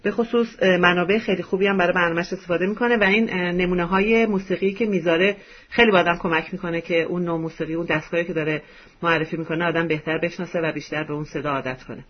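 A man's voice: high-pitched, steady tone. A man hosting a radio program, speaking hesitantly with many fillers, on a dull lo-fi radio recording.

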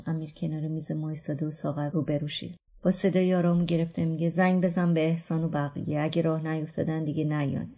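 Woman narrating an audiobook, low voice, husky and gravelly, quiet introspective reading. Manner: quiet, introspective, drops to whispers. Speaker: book reader. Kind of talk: first-person literary narration.

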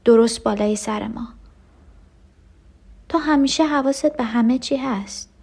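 A woman's voice: a little high, vocal fry, darkish tone, husky. An actress playing a frightened unborn twin girl who clings to her sister and pleads with her. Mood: anxious. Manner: urgent, breathless pleading with sudden cries. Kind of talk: radio drama acting.

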